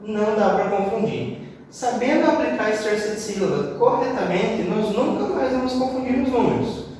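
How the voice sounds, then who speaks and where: A man from Brazil teaching an English class, explaining step by step and repeating words slowly for drill. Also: sits high, animated, a little mellow, recorded from a distance, slight background noise. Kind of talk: classroom lesson. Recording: roomy echo, voice off-mic with long reverb.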